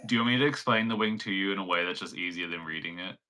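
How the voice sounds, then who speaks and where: With a low, sharp voice and a very fast pace, a young New Zealand crochet pattern designer hosts a casual livestream. He's chatty and giggly, full of likes and ums.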